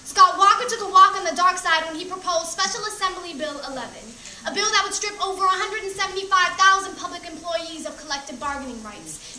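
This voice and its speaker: A woman's voice: extremely high pitch, bright, forceful tone, a little hiss or hum. A teenage girl performing spoken word poetry at a student slam, with a rhythmic, emphatic delivery. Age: teens. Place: school hall. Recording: echoey hall from far off.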